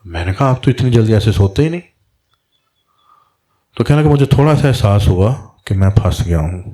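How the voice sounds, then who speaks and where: A man's voice: on the low side, animated, dark tone. A man, a Sufi spiritual guide, telling a story in a religious talk and acting out the dialogue in quoted voices.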